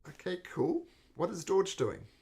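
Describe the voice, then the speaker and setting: A woman's voice: lowish voice, very animated, a little slow, darkish tone. A woman acting as game master, narrating a tabletop role-playing game and talking with the players.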